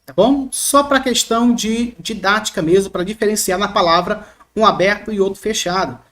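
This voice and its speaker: A teacher, slowly explaining letters and repeating each sound, often checking in with a quick question. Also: medium pitch, fairly bright tone. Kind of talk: explaining the Greek alphabet.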